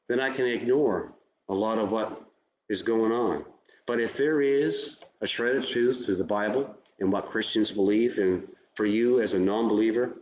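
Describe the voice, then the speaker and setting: A man preaching a sermon with a fairly low voice, making earnest, direct appeals to his listeners. His words ring out in a roomy church sanctuary with plenty of echo. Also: darkish tone, slight background noise. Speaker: pastor.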